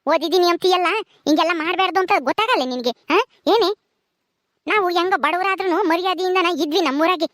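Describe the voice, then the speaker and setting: A woman's voice: extremely high pitch, brisk, fairly bright tone, no room sound, studio quality. A woman playing a bitter, proud village mother-in-law who taunts and sneers. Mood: scornful. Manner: sneering, taunting, mocking laughter.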